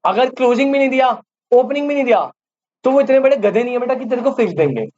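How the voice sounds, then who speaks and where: Fast and very high-pitched, this man's voice has a darkish tone as he teaches a live commerce class. He repeatedly quizzes the students and repeats key terms back. The recording sounds dull and lo-fi under a faint hiss.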